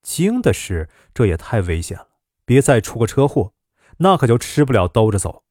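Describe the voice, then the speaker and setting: A man telling a story aloud with a lively, widely swinging voice that rises and falls through the tense scenes. His pitch sits in an ordinary middle range, and the recording is dry and close with no room sound. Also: normal speed, no room sound. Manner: expressive, dramatic storytelling. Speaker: narrator. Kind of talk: story narration.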